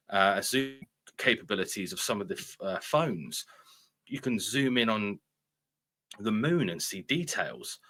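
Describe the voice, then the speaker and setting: A man hosting a video with casual, speculative commentary, often halting and repeating his phrases. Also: on the low side, pushed and bright. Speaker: video host.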